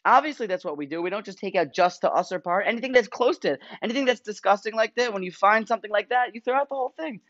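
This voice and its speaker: Brief: male teacher-host, a bit high-voiced, conversational, heard through a muffled, dry low-quality stream. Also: quick pace, few pauses, fairly bright tone, no echo. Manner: conversational, asks himself rhetorical questions. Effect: low-quality audio recorded on the road without his usual microphone. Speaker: podcast host teaching the weekly Torah portion. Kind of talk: casual spoken Torah class. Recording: dull lo-fi dry sound.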